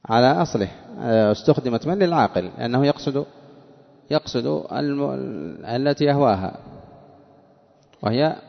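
A man teaching classical Arabic grammar slowly and deliberately. He asks questions and answers them himself, and he chants the verses he quotes. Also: medium pitch, lively intonation, gravelly, long reverb tail, dull audio.

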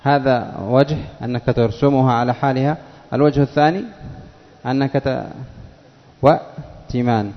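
A man's voice: medium pitch, fairly even intonation. Man teaching a class in a reverberant hall. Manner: patient, asks the class questions and repeats words slowly. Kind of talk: classroom lesson on Arabic spelling. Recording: dull lo-fi recording, long reverb of a hall.

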